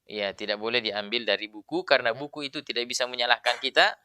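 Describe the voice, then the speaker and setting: A man's voice: medium pitch, quick pace, sharp tone, clear, resonant tone, dry recording. A man teaching Quran pronunciation, patiently explaining and drilling letter sounds aloud. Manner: patient, explanatory, many filler "ya". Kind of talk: tajwid pronunciation lesson.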